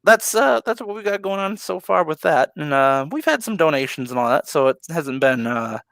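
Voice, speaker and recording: A man co-hosting a casual live stream, relaxed and laughing easily, with plenty of ums. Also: a little high, moderate pace, vocal fry, no echo. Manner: laid-back, laughs often, many ums. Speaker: co-host of a live ocean talk stream.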